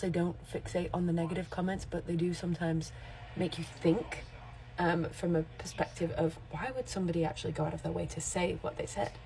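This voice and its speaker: In poor audio, a woman in her 40s with a lowish, dark-toned voice speaks directly to camera in a casual vlog. She's a makeup artist and content creator, talking candidly and drifting into slight rambles.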